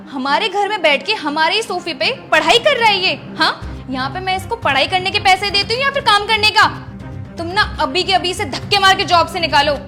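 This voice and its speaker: A woman playing an arrogant rich lady who scolds her driver in a scripted skit, speaking in a sharp, scornful way. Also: heavily acted. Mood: complaining. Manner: shrill scolding, later soft apology. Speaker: actor in a short moral skit. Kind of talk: scripted social skit acting.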